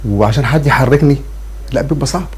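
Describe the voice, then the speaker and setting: A man's voice: medium pitch, rapid-fire, darkish tone, breathy edge. A man in his fifties with an Egyptian Arabic accent, an earnest and grateful talk show guest. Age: 50s. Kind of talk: casual TV interview.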